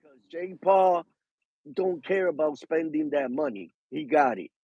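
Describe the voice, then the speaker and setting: A man telling a story in casual chat, animated and slipping into Spanish. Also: a little high, unhurried, dry recording, muffled recording. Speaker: boxing show guest.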